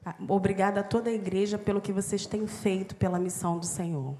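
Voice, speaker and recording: A woman's voice: medium pitch, steady tone, fast, dark tone, slight background noise. A woman with a Brazilian accent, a missionary and interpreter, speaking to a congregation in short phrases.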